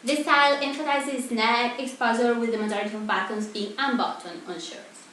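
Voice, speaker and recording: Her voice on the high side and fairly bright, a young woman talks a little fast in a steady tone, delivering a scripted presentation as a mock TV host like a student presenter. She is a teenager or young adult, recorded by a distant mic in a very echoey room with faint noise.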